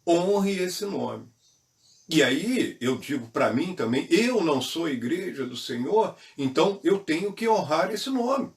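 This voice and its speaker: Brazilian male Sunday school teacher, slightly high voice, earnest, a little off-mic in a church. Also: distant mic. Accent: Brazilian Portuguese. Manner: earnest, repeats key phrases. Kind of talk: Bible lesson teaching.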